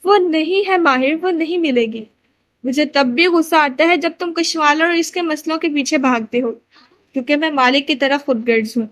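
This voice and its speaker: A woman narrator voices a grieving young man in an audiobook novel, pleading and guilt-ridden. The voice sits high. His words come out as an emotional confession. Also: a bit bright.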